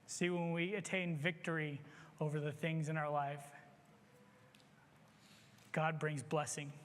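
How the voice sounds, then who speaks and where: Man, high voice, earnest church testimony, confessional, long hall reverb. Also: flat delivery, measured pace, a bit bright, a little hiss or hum. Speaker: church member giving testimony. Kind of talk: sermon testimony.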